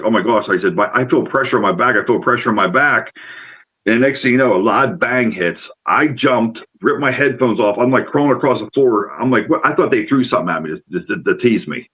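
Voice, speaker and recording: Middle-aged male guest, slightly low voice, rambling excitable storyteller with restarts. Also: husky, low-quality recording. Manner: rambling, excitable, repeats words. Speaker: paranormal investigator guest. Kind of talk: casual storytelling.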